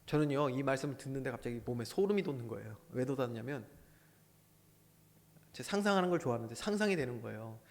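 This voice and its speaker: A male pastor preaching a sermon with passion, swinging from loud bursts to hushed asides. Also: mid-range voice, animated, quick pace, long reverb tail.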